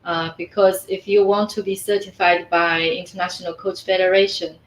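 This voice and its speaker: Her voice sits on the low side with a level tone as this coach, a native Mandarin speaker, responds to interview questions with care, her pauses filled by frequent "uh" and "mm." The conversational exchange was captured in a room with echo and a faint hum of background noise.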